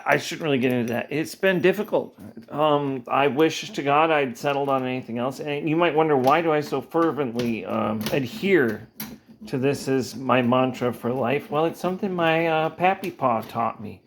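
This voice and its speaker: Deadpan man in a rambling comic monologue. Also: mid-range voice, a little hiss or hum. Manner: deadpan, halting, with many fillers and mock-earnest pauses. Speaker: comedian.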